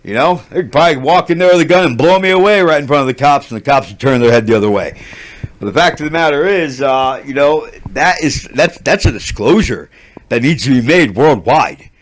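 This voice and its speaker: A man of middle pitch rants without a script, agitated and swearing. He restarts his sentences again and again and fills the gaps with fillers. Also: expressive, a little fast. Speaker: channel host. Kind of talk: unscripted rant to camera.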